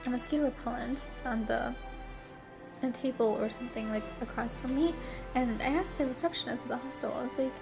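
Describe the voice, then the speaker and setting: Speaking over music, a young travel vlogger talks a little fast from her hotel room, her fairly high voice showing vocal fry and a stuffy, nasal quality from allergy congestion. The chat is casual, rambling, and giggly, packed with fillers.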